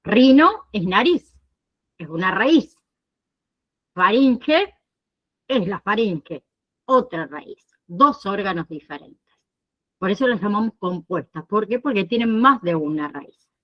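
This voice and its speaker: A woman instructor teaching an online nursing class, explaining slowly and often pausing to check that students follow. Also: medium pitch, expressive, muffled recording. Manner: explains slowly, checks understanding with frequent "¿sí?" and "¿bien?".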